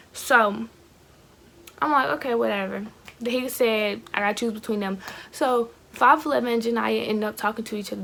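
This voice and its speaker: Gossipy teen girl, high creaky voice. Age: teenager, fifteen. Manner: slangy, animated asides to viewers. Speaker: YouTube storytime vlogger. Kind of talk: casual gossipy storytime chat.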